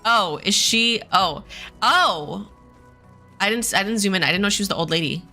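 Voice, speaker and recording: A woman chats casually through a video game playthrough in an informal, self-deprecating way. Her voice is bright and mid-pitched, with music playing behind her. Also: expressive, normal speed.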